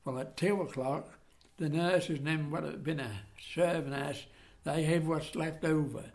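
A man's voice: fairly high pitch, fairly even intonation, a little mellow. Elderly man with a broad Suffolk accent. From Suffolk, England. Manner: rambling, halting, rustic dialect turns of phrase. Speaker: care home resident being interviewed. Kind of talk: casual reminiscing chat.

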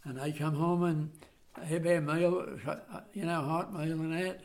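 An elderly man with a broad Suffolk accent, chatting casually in a halting, rambling way with rustic dialect turns of phrase. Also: on the high side, flat delivery, a little mellow. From Suffolk, England. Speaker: care home resident being interviewed. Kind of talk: casual reminiscing chat.

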